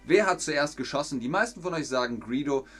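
A man's voice: a little high, expressive, a little fast, a bit bright, soft background music. A man chatting casually on a live stream, reading viewer comments aloud with many hesitant fillers. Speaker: streamer hosting a fan quiz.

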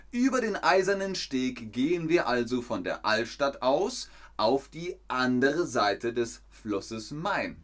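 A man's voice: mid-range voice, fairly bright tone. A man teaching German to a live chat. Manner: asks viewers questions and reads out chat comments; repeats and rephrases sentences slowly for learners. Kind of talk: live-streamed language lesson with chat.

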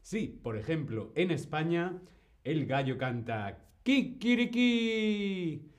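Man, live-stream language teacher, slow and deliberate. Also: mid-range voice, animated, darkish tone. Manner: slow, clear, greets chat by name, imitates animal sounds.

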